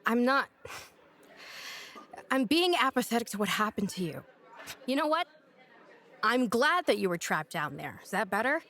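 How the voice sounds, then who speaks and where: A woman's voice: on the high side, very animated, moderate pace, pauses often, fairly bright tone, a faint crowd. An actress playing a blunt, sarcastic young woman in an audio drama, talking dry, direct and teasing. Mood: earnest. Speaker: [name].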